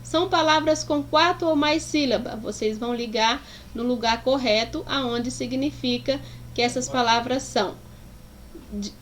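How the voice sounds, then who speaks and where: A woman's voice: fairly high pitch, measured pace, a little hiss or hum. A woman teacher explaining a lesson to pupils, affectionate and sounding out words syllable by syllable. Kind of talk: slow, deliberate classroom explanation.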